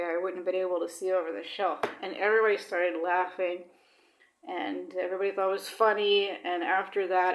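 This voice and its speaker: The recording is rough and echoey as a lowish-voiced woman vlogs about personal matters. She's chatty and rambling, uses plenty of fillers, and occasionally slips into Swedish words mid-English.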